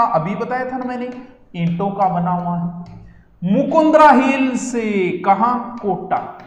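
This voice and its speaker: A man teaching an exam-prep lecture, animated, asking and answering his own questions. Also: fairly high pitch, slight background noise. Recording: echoey room with long reverb.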